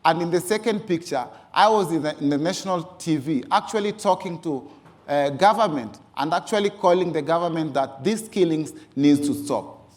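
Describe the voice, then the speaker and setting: This man, a youth organization founder from Mombasa with a Kenyan accent, leans on an emphatic "actually" throughout his personal slide presentation. His voice runs a little high at a moderate pace.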